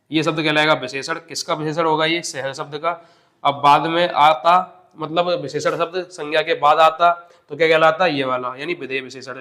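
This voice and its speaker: A man's voice: fairly high pitch, bright, forceful tone. A man teaching an exam-prep grammar lesson step by step, asking questions and answering them himself.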